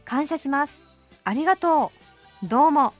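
A cheerful woman in her late thirties hosts a radio show and reads out listener letters. She answers them in a lively, chatty way and laughs often. Her voice sits high, and faint music plays behind her. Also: moderate pace. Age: late 30s. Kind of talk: radio letter-reading chat. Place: radio studio.

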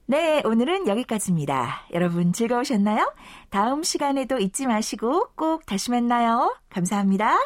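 A woman teaching Korean in a bilingual lesson, speaking slowly and deliberately with a teacherly tone. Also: on the high side. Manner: slow, deliberate, lively teacherly intonation.

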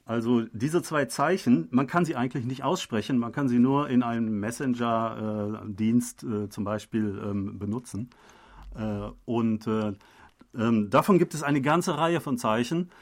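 A man co-hosting a radio talk program, speaking at a medium pitch in a loose conversational way. He stops often on drawn-out filler sounds while he searches for the next word. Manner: hesitant, many filler sounds. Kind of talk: conversational explaining.

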